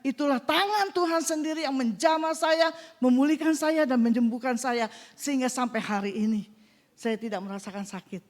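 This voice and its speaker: A middle-aged woman preacher telling a healing testimony in a lively, storytelling sermon style with exclamations of praise. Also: high-pitched, moderate pace.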